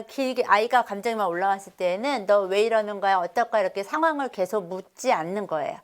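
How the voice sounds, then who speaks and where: A middle-aged woman giving a family seminar lecture on raising children. She weaves in stories from her own home and acts out the lines she and her children said. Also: mid-range voice. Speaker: parenting seminar speaker.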